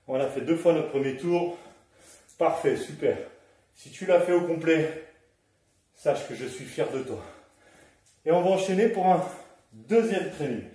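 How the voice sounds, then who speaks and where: Picked up by a distant mic in a very echoey room at home, a man with a fairly high, mellow voice leads a workout with lively intonation, a little slow and with long pauses. He's slightly breathless as he exercises, counting down and coaching encouragingly.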